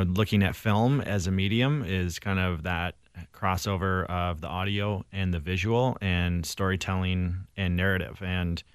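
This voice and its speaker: Deep, smooth-voiced male filmmaker. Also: dry recording, studio quality. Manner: thoughtful, casual, many fillers. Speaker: filmmaker guest. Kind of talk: interview answer.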